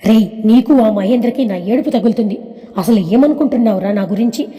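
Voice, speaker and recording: Brief: woman voicing a dramatic, quick-to-anger young woman, dark mellow tone, echoey reverb. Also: on the high side, lightly acted. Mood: angry sulking. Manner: angry, whiny outbursts. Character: hot-tempered young woman, sulky and dramatic.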